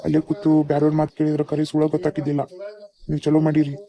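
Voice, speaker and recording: A man's voice: a little high, monotone, quick pace, creaky, dark tone. A man with a North Karnataka accent voicing a troubled, earnest young husband in a cartoon. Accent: North Karnataka Kannada. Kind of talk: cartoon voice acting.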